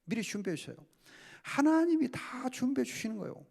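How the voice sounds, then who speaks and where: A man preaching at a Bible study as pastor, lively, acting out quoted complaints and prayers. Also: very high-pitched, fairly quick, gravelly.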